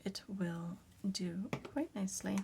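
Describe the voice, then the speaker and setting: Raspy-voiced woman, casual crafting host, soft-spoken, drifts into whispers. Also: mid-range voice, expressive, slow pace, background noise. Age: adult parent.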